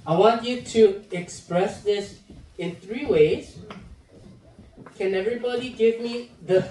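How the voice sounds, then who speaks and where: A man's voice: high-pitched, takes it slowly, warm tone, slight background noise. A man in his thirties, an assistant pastor, preaching to young people in front of a chalkboard, speaking into a handheld microphone and acting out children's moods with playful voices. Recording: roomy echo, mic heard from a distance.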